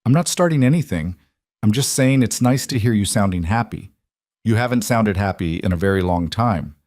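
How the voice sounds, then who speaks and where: A male narrator voices a wise older mother who coaxes gently and persistently. Her voice sits a touch above his low register. The recording is close and dry. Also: animated, normal speed, no room sound, close to an everyday voice. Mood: coaxing.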